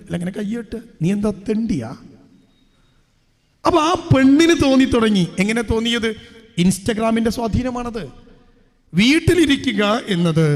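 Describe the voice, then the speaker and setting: High-voiced preacher in a reverberant hall. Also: male voice. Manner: preachy, full of rhetorical questions to the crowd. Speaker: Islamic preacher. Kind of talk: public religious speech.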